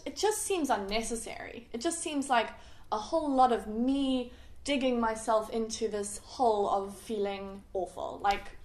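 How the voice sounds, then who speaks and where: A young adult woman talking casually to camera as a vlogger, chatty and self-mocking, often laughing at herself. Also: on the high side. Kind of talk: casual confessional vlog. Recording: roomy echo.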